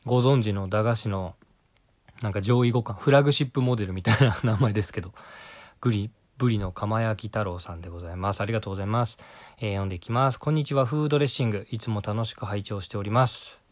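A man hosts his own solo talk show from home, his voice sitting slightly low. He talks quickly, mixing polite formal phrases with puns and playful asides. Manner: jokey, punning, with polite set phrases. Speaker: podcast host. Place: at home, right after a bath.

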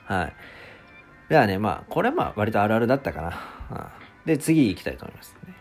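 A man's voice: fairly low pitch, huge pitch swings, fast, soft background music. A man hosting a casual solo talk show, ranting in exasperation and acting out customers' lines. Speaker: podcast host, former restaurant part-timer.

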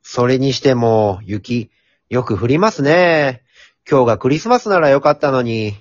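A man's voice: medium pitch, animated, moderate pace, dry recording, dull audio, lightly acted. A man playing a jolly, earnest Santa Claus in an amateur comedy radio drama, polite and theatrical in manner. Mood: earnest, gentle.

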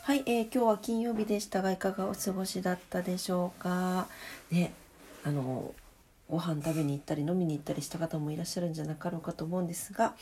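A woman's voice: fairly low pitch, fairly even intonation, fast, mellow, slight background noise. A woman hosting a casual late-night solo audio diary, speaking in a polite, chatty, self-deprecating way. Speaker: solo audio diary host, radio-DJ style greeting.

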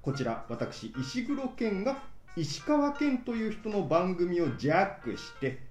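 A man hosting a casual talk show, deliberately lowering his voice as he chats playfully. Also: sing-song, darkish tone. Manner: playful, easygoing, laughs often. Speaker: radio talk host. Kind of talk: casual podcast chat. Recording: echoey room with faint music.

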